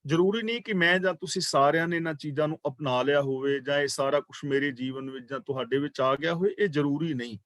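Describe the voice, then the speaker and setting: Calm man slowly explaining scripture. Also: on the high side, no echo, clean studio sound. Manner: chants verses slowly, then explains them patiently; calm, measured, repeats key words for emphasis. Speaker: Sikh scripture teacher. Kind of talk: scripture exposition class.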